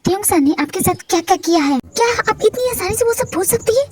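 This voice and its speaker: A loyal young household helper in a fan-fiction audio drama, voiced by a woman, earnest and protective of her mistress. Her voice is very high. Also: animated, quick pace. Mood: resolute.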